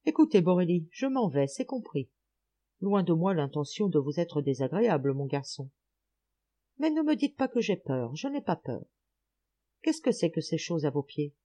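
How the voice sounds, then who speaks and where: A mild older man, as a woman reading the audiobook gives him voice, light and bantering but a little rattled. The tone is warm and mellow, and it is a storybook reading. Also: on the low side, very animated, normal speed.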